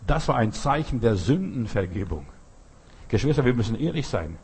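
A man preaching a sermon, emphatic and repetitive, building to loud outbursts. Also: medium pitch, big pitch swings, moderate pace, slightly rough.

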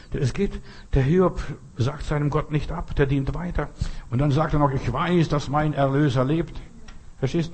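Husky-voiced man preaching a fiery sermon. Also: mid-range voice, a little mellow. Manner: emphatic preaching, rhetorical questions to listener.

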